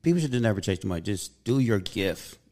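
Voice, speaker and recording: His voice is low-ish and mellow with lively intonation and a quick pace. This Southern California podcast host, in his fifties, recounts stories earnestly and cheerfully in casual conversation.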